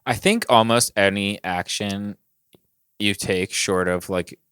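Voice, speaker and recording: A young man co-hosting a casual podcast chat, telling stories in an animated way with lots of fillers. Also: lowish voice, takes it slowly, smooth, no echo, studio quality. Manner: animated storyteller, many fillers. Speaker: podcast co-host.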